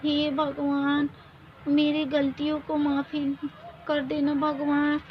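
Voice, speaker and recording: A woman's voice: very high voice, a little hiss or hum. A woman voicing a meek, mistreated elder wife who pleads and laments. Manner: pleading, tearful. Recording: dull lo-fi recording.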